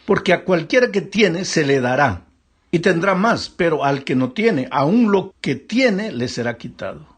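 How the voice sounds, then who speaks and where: A man's voice: fairly high pitch, expressive, a little slow, husky. A male pastor preaching a Bible lesson, emphatic, asking rhetorical questions and answering them himself.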